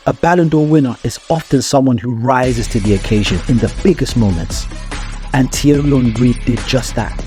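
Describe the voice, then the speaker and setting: A man narrates a video of scripted sports analysis, using emphatic phrasing and rhetorical questions aimed at the viewer. His voice is mid-range, and music plays in the background.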